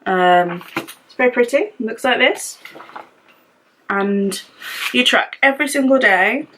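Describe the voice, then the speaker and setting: A woman's voice: a little high, animated, slow pace, fairly bright tone, a little hiss or hum, low-quality recording. A young woman vlogging at home in casual, rambling chat, open and self-deprecating about herself. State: out of breath. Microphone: phone or tablet camera.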